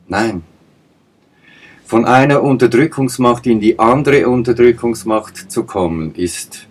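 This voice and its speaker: A man giving an emphatic political monologue, asking pointed rhetorical questions and repeating his points. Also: lowish voice. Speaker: political commentator.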